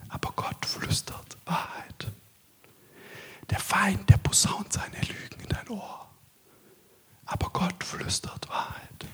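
Breathy whispering male preacher. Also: high voice. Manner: long stretches in a hushed whisper, loud measured declamation in between. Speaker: guest preacher. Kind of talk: sermon.

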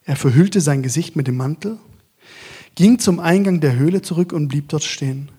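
A man preaching a sermon as a guest preacher. He alternates long stretches of hushed whisper with loud, measured declamation. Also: a little high, breathy edge.

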